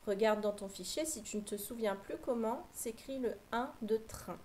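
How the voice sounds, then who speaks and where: Woman teacher, mellow, unhurried; patient phonics drill for small kids, faint hiss behind. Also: medium pitch, low-quality recording. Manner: slow, clear, patient dictation. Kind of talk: phonics lesson for young children.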